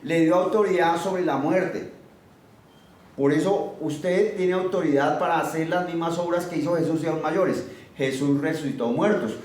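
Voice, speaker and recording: Emphatic preacher in an echoey space. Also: male voice, fairly high pitch, darkish tone. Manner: emphatic, poses rhetorical questions to listeners. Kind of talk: sermon. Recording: very echoey, far from the mic, faint noise.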